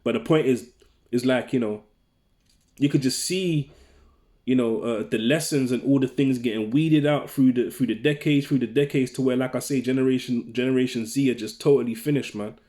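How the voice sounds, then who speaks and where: Male preacher, casual street-style delivery, mid pitch, reads scripture aloud. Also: moderate pace, warm tone. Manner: conversational, keeps tagging lines with "man" and "right?". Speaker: religious teacher. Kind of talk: informal preaching with scripture readings.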